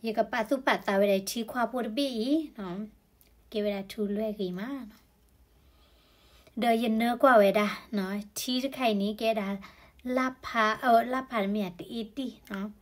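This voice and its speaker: A woman's voice: a little high, a little slow. A woman explaining health topics in a conversational way, often adding tag particles to her sentences. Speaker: health educator.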